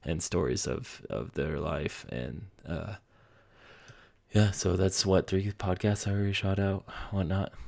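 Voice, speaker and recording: A man's voice: low-pitched, unhurried, creaky, a little mellow. A young man hosting his own podcast from home, rambling casually with lots of fillers and self-deprecating asides. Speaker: podcast host. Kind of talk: casual solo podcast monologue. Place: home basement room.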